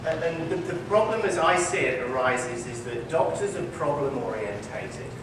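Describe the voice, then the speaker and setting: This physician's voice sits on the high side and sounds animated as he moves at a moderate pace, fielding interview questions in front of a conference audience. He stresses and repeats his main points clearly, captured by a far-off mic in a noisy, echoing hall.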